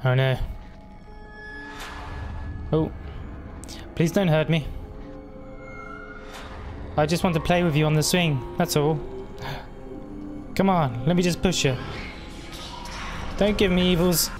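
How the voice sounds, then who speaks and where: A man's voice: a little high, takes it slowly, pauses often, over music. A young man giving cheeky, jokey commentary as a scared horror game streamer, wisecracking through his nerves.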